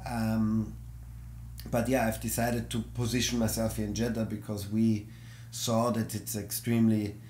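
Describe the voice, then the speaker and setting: A low-voiced man from Austria whose first language is German hosts a casual podcast chat. He talks eagerly, often restarting phrases as he hunts for the right word. The room around him is echoey, with a faint hum in the background. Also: flat delivery, moderate pace, darkish tone. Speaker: host.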